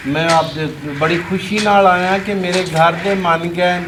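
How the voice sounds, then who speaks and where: High-voiced man, pushy. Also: steady tone, a little slow, background noise. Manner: pushy and wheedling, turning to threats. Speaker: unwanted suitor in a village drama. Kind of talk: amateur web drama acting.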